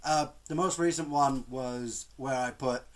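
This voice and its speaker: A man's voice: medium pitch, unhurried. A man with a cold, chatting casually to camera as a gaming vlogger in a rambling, exasperated way. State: has a cold, coughing. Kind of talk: casual vlog chat to camera.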